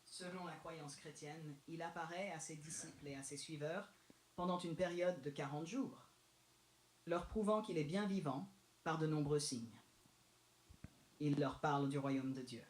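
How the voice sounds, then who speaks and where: Robot-like male AI assistant voice, text-to-speech, formal and even, somewhat high pitch, echoey playback. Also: unhurried. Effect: synthetic AI assistant voice played from a device. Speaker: AI chatbot answering questions. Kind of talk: even, formal explanatory reading.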